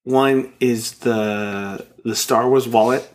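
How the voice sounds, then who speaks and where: A man's voice: mid-range voice, fairly even intonation, slow pace. A man in his thirties co-hosting a podcast, chatting casually and rambling playfully with many restarts. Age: 30s. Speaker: podcast co-host. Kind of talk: casual chat.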